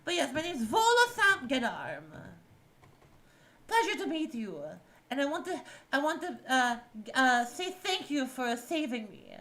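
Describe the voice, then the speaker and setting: A woman's voice: sits high, sing-song, measured pace, a bit bright, exaggerated voice. A woman voicing a flamboyant, gushing short male showman who talks in theatrical exclamations. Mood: grand.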